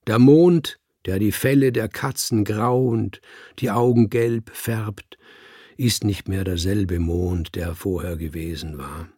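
A man reads an audiobook, voicing a male cat who preaches to other cats with grave solemnity, slow and sonorous like a sermon. His voice is low-leaning and mellow with a breathy edge, captured in clean studio sound without echo.

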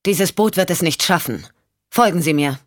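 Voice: medium pitch, normal speed, fairly bright tone, no room sound, clean studio sound, lightly acted. Reader doing a commanding male agent, curt and in charge. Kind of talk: audiobook reading.

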